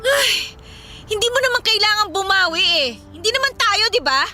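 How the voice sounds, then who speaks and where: A woman acting in a radio drama as a tipsy, hurt and angry young woman who throws sharp, accusing retorts. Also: very high voice, lively intonation, moderate pace, soft background music, exaggerated voice. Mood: distraught.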